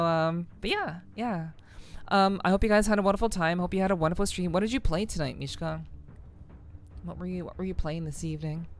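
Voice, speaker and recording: A woman chatting casually on a livestream in a friendly, welcoming way, her throat a little rough. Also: on the low side. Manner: friendly, chatty, gushing thanks and greetings. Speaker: streamer. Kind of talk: casual livestream chat, greeting viewers.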